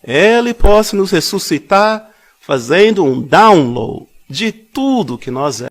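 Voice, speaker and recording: A man giving a public Bible talk, deliberate and repeating phrases for emphasis, with personal anecdotes woven in. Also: sits high, very animated. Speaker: congregation speaker.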